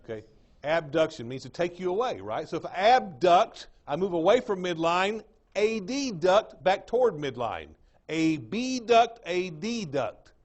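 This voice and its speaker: A man's voice: sits high, big pitch swings, normal speed. Drawling East Texas man lecturing. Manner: drawling, repeats terms, checks understanding with the class. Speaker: anatomy lecturer. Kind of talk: classroom lecture. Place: lecture room.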